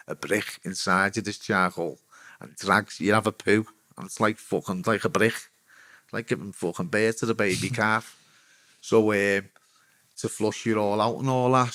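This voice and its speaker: A middle-aged man with a Liverpool accent tells his story bluntly in an interview. His voice sits a little low, and his speech is sweary and halting, full of restarts. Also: fairly bright tone. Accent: Liverpool Scouse. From England. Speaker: interviewee, former footballer. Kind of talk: candid personal storytelling.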